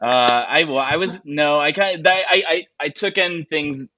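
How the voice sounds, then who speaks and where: Bright-voiced rambling podcast guest man. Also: on the high side, moderate pace, no echo, highs cut off. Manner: rambling, hesitant, laughs often. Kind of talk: casual film chat.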